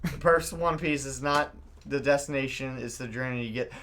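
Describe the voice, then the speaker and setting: A man's voice: mid-range voice, fairly quick, fairly bright tone. A man from Oklahoma co-hosting a podcast in casual chat, rambling, stammering over his words and swearing a lot as he gets worked up. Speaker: podcast co-host.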